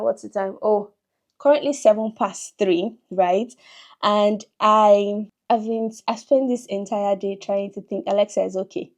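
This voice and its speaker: A young woman, chatting casually to camera as a lifestyle vlogger, full of quick self-amused asides. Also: medium pitch, darkish tone. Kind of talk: casual vlog chat to camera.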